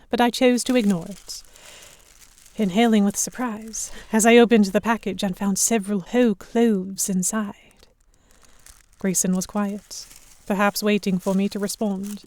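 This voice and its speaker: A woman, both narrator and lead actor, voices a young, observant heroine telling a pirate tale in the first person for an audio drama. Her natural, mellow, medium-pitched voice delivers measured, literary scripted narration in a reflective mood.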